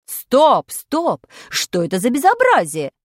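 A woman's voice: mid-range voice, very animated, unhurried, no echo, clean studio sound, voice pushed down. A woman doing a stern bossy singing teacher. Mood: scolding. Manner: strict, barking orders. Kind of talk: storybook character voice.

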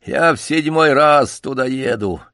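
A man voicing a hoarse, cynical male stray dog with gloomy mockery. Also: mid-range voice, unhurried, sharp tone, dry recording, studio quality, pitched above the performer's own voice. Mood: mocking. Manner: mocking, gloomy.

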